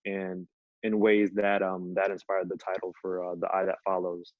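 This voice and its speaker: A man's voice: deep voice, completely flat delivery, normal speed, dry recording, phone-quality sound. A young man from Ethiopia, a featured artist, telling his story casually with many fillers like "you know" over a video call. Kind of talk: conversational storytelling.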